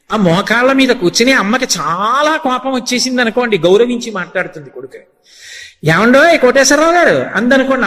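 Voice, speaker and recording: A high-pitched man delivering a devotional sermon, lively in his storytelling and slowing down to chant verses. He slips into the voices of the story's characters as he goes. His voice rings out with a long echo, as in a large hall. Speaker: preacher.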